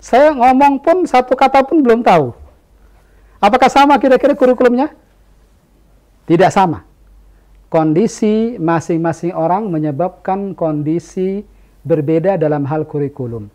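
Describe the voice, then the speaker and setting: An Indonesian man teaching a religious study class, pressing his listeners with one rhetorical question after another in an emphatic, animated way. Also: high-pitched, moderate pace, long pauses. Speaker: Islamic teacher.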